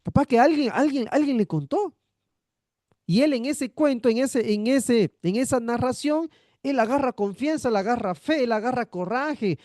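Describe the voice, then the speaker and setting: A man's voice: extremely high pitch, animated, normal speed, a little mellow, dry recording, studio quality. A man teaching a theology class, repeating his points and asking rhetorical questions to check the students follow. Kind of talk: classroom lecture.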